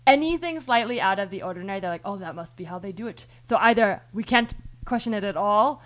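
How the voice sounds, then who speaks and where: A woman's voice: mid-range voice, lively intonation, fast talker, fairly bright tone. A woman hosting a podcast, thinking aloud in long rambling turns full of restarts and the odd swear word. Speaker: podcast host. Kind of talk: casual chat.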